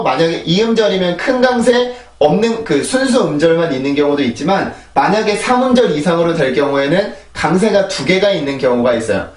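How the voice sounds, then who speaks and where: A man teaching English pronunciation in a casual spoken lesson, drilling words slowly and often checking in with his listeners. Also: sits high, reverberant, distant mic. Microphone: small clip-on mic with phone camera.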